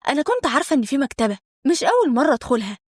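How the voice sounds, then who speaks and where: Young woman, Egyptian accent, story narration, fast-paced, fairly high voice, dry close sound. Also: sing-song, no room sound. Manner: conversational, dramatic telling. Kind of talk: first-person story narration.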